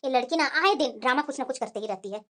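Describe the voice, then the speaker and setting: Woman doing a scolding cartoon mom, really high squeaky voice, talks fast. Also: lively intonation, noisy background. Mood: chiding. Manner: chiding. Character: middle-aged mother, fair-minded and scolding. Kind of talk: cartoon voice acting.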